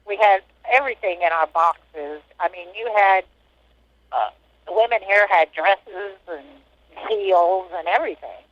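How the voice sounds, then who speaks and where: A woman in her sixties, an inmate being interviewed, casually recalls her past in plain, matter-of-fact language. Her medium-pitched voice is measured and carries no room sound, coming through a muffled, dull lo-fi prison phone line.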